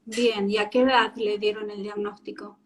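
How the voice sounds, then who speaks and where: A woman's voice: mid-range voice, level tone, moderate pace, slight background noise. A woman with an Argentine Spanish accent, a speech therapist hosting a live-stream interview over a video call, speaking in a friendly way with frequent filler sounds.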